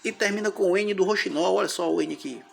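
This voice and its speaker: A man's voice: high-pitched, fast, vocal fry, soft background music. A man teaching a grammar lesson, explaining step by step and splitting words into syllables.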